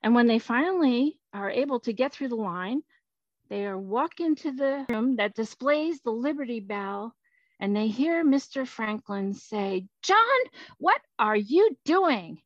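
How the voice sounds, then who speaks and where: A woman's voice: fairly high pitch, normal speed, darkish tone, dry recording, highs cut off. A woman, an author talking about her book and reading from it in a chatty, enthusiastic way.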